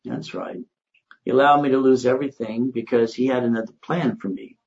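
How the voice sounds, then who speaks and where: An older man, a credit consultant, giving an emphatic, preachy motivational monologue that swings between loud and hushed. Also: mid-range voice, fairly quick, creaky, dull audio.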